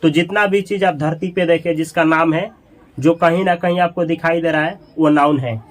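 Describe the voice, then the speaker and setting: A man's voice: steady tone, moderate pace, rough recording. A man teaching English grammar, drilling words over and over and putting questions to his students. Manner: drops low and soft when marking mistakes. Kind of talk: spoken grammar lesson.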